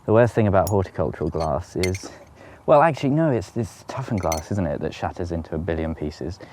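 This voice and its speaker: A man's voice: sits low, expressive, fairly quick, a little mellow, slight background noise. A man walking round his allotment, talking casually to camera with wry, self-mocking humour. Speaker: allotment vlogger. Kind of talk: casual walk-and-talk. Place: outdoor allotment garden.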